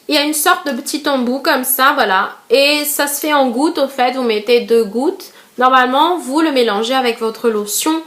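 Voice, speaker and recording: A woman's voice: high-pitched, a bit bright. A young woman from Madagascar reviewing beauty products in a casual vlog, chatty and full of fillers, talking to her viewers as girls. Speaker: beauty vlogger.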